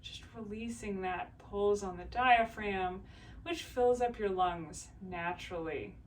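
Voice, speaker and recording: Calm, slow-spoken woman voice teacher. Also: mid-range voice, distant mic. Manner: calm, slow, soothing instruction. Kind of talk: guided breathing exercise.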